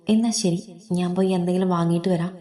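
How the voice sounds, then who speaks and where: A woman voicing a friendly, chatty woman clerk who talks in a hurried way. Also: fairly low pitch, steady tone, mellow, natural voice.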